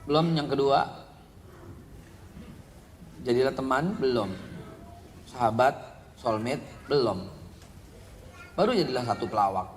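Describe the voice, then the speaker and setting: A middle-aged man preaching a parenting sermon to a congregation, animated, swinging from quiet asides to loud scolding outbursts. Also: mid-range voice, measured pace, pauses often, slight background noise. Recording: echoey hall reverb.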